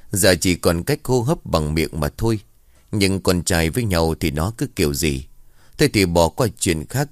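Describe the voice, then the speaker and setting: Low-voiced guy reading a spooky village tale, steady, dry mic. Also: no room sound. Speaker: storyteller. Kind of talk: scripted ghost story narration.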